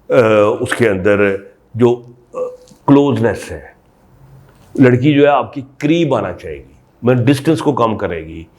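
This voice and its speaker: Man, doctor explaining to camera, emphatic, rhetorical questions, mid-pitched voice. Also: a little mellow. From Pakistan. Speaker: sexologist doctor.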